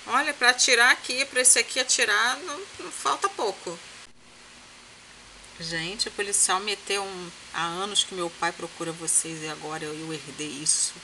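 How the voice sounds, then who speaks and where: A woman's voice: fairly low pitch, background noise. A woman from Brazil chatting casually as she recaps and mocks the episodes of a soap opera, talking straight to her viewers. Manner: chatty and gossipy, calls viewers "gente", mocks characters. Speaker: series reviewer and host.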